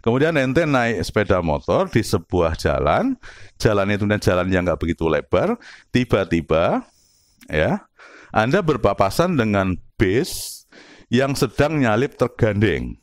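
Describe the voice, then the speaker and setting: A middle-aged man giving a lively religious philosophy lesson, explaining with rhetorical questions and examples and slipping in Arabic and words. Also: fairly low pitch, unhurried, no echo. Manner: mixes in Arabic and Javanese words. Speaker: Islamic philosophy teacher. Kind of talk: lively religious study lecture.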